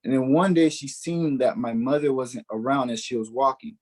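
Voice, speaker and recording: With a mid-range voice at normal speed, a Haitian-born man raised in the United States, in his early twenties, earnestly recounts his personal spiritual testimony and repeats key words for emphasis.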